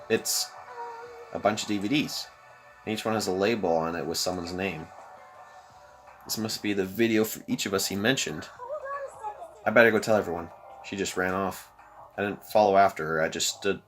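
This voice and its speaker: Deep-voiced young man reading a game aloud. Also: moderate pace, pauses often, over music. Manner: animated, expressive reading. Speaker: let's play host. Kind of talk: reading a visual novel aloud with commentary.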